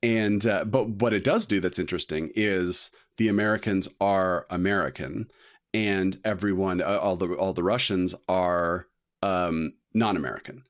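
A man's voice: low voice, moderate pace. A man co-hosting a podcast, discussing a film in casual chat, rambling with many restarts and fillers. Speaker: podcast co-host.

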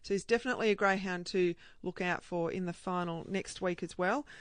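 A woman's voice: on the low side, brisk, no room sound. An Australian woman co-hosting a racing radio show, interviewing and giving tips. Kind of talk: sports radio interview and tipping.

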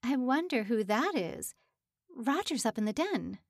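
A woman's voice: on the high side, big pitch swings, a little slow, no room sound, clean studio sound, voice pushed up, exaggerated voice. A woman voicing a fussy, doting middle-aged mother figure in a storybook reading. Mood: worried. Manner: doting and insistent.

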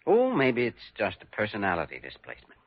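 A man playing an earnest, compassionate young hospital doctor in a classic American radio drama, with a gravelly American voice. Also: lowish voice, huge pitch swings, quick pace. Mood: troubled, pensive. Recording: dull vintage radio recording.

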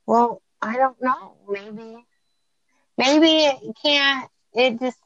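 A woman's voice: high-pitched, drawn-out words, fairly bright tone. A woman chatting casually as a podcast co-host, rambling with fillers and restarts, her voice fading in and out over a remote call. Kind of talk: casual true-crime chat. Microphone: remote call line. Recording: dull lo-fi call audio, fading.

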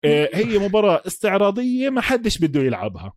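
A man's voice: high-pitched, wildly swooping pitch, fast. A man with a Palestinian-Jordanian Levantine Arabic accent co-hosting a casual sports discussion, mixing English sports terms into his Arabic. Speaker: sports podcast host.

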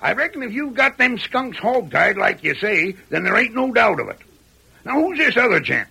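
An actor playing a blustering frontier sheriff with a folksy western drawl, in 1940s radio acting style. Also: male voice, high voice, sing-song, moderate pace, vocal fry, pushed and bright, husky, full character voice. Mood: puzzled. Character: gruff frontier sheriff, older man, blustering. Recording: old radio broadcast recording.

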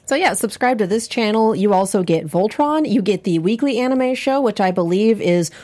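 A woman's voice: medium pitch, lively intonation, normal speed, mellow. A woman panelist joking around in a casual TV aftershow chat. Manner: joking, playful.

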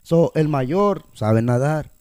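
In a casual chat, a young man tells an animated story, sprinkling English words into his Spanish slang. His voice is a little high and his pace slow.

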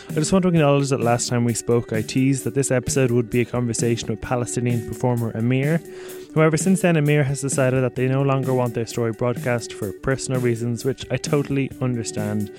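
A male host with a medium-pitched voice opens the show and then guides the conversation. He asks friendly questions with easy fillers and loose phrasing. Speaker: podcast host. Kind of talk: scripted intro and interview questions.

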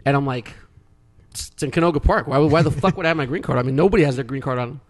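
Speaking quickly in a fairly high voice, a Canadian man in his forties rambles through a casual story on a podcast he co-hosts. He swears plenty and keeps restarting his sentences.

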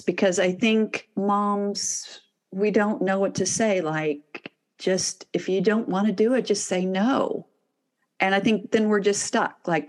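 A mother hosting a podcast, asking her guest questions in a conversational way. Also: fairly low pitch. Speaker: podcast host. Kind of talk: podcast interview.

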